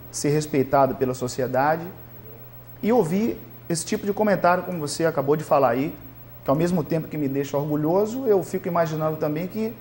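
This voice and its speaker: A man from Salvador, a singer guest on a TV interview show, speaking gratefully and modestly in relaxed chat. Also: fairly high pitch, a little hiss or hum. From Salvador, Bahia, Brazil. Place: local TV studio.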